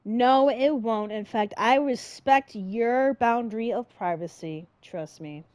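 A woman's voice: fairly high pitch, takes it slowly, darkish tone, dry recording. A woman giving casual, chatty gameplay commentary, gushing as she reacts aloud to the characters. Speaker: video game player.

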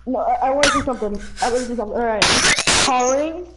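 A friend chatting casually who jokes around and tries to organize the group. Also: female voice, fairly high pitch, very fast. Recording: echoey room with noise.

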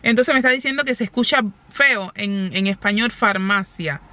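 A woman's voice: medium pitch, normal speed, pushed and bright. A woman chatting casually to her vlog viewers, fond and talkative, patiently explaining words. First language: Spanish. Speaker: family vlogger.

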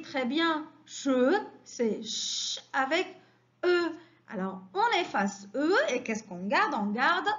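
A woman teaching a phonics lesson to young children, stressing each syllable slowly in a sing-song way. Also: high-pitched, muffled recording.

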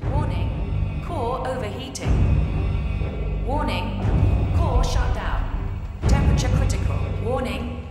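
A woman voicing a female facility computer that gives flat, clipped robotic warnings over an automated loudspeaker in a video game. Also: sits high, takes it slowly, pauses often. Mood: alarmed. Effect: automated loudspeaker announcement. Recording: echoey game audio under loud music.

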